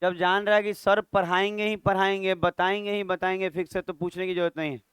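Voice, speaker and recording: A man's voice: high voice, level tone, a little fast, fairly bright tone, clear, resonant tone, dry recording. A man teaching a maths class, chatty and scolding, quizzing students aloud. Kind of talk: classroom lecture.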